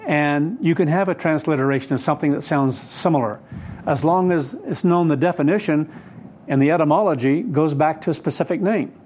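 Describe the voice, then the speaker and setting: A man's voice: a little high, brisk, a little mellow, a little hiss or hum. Earnest rambling male Bible teacher. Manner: rambling, self-correcting, earnest.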